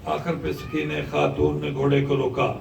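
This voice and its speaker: A male cleric giving an impassioned mourning sermon, telling the story with rising, shouted lament. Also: a little high, little pitch movement, vocal fry, recorded from a distance. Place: large mosque hall. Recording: echoey hall recording from afar, faint hiss.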